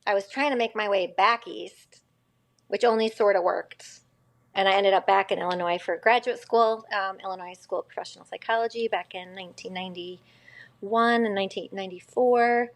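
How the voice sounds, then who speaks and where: A school psychologist from Connecticut, a woman in her fifties, chats as a guest on a casual podcast interview, rambling and correcting herself along the way. She speaks in a mid-range voice with fairly even intonation at a normal speed.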